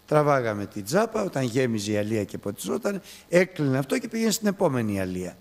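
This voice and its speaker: A man preaching a sermon, telling a story with swings from soft to loud. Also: mid-range voice, very animated.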